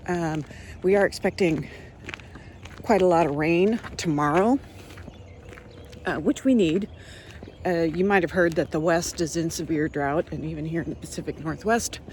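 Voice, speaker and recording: A woman with a somewhat low voice hosts her podcast in a casual, chatty way, pausing often with ums. She records on a phone, and a faint hiss of background noise sits under her voice. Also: darkish tone. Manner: chatty and unhurried, with frequent ums. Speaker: podcast host. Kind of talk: casual chat.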